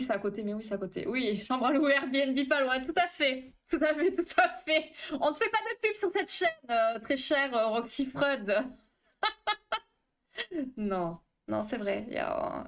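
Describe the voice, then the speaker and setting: A woman therapist hosting a live stream, chatting casually with viewers, reading the chat aloud, talking fast and tripping over her words. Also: on the high side.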